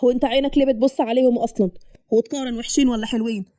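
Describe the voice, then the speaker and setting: A woman's voice: on the high side, fairly even intonation, rapid-fire, dark tone, no echo, lightly acted. A woman voicing a stern, protective young husband who scolds in an Upper Egyptian accent. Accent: Upper Egyptian Arabic.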